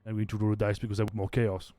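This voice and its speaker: A man's voice: fairly low pitch, monotone, very fast, mellow, dry recording. A man narrating a tabletop game as game master, casual and rambling, laughing often.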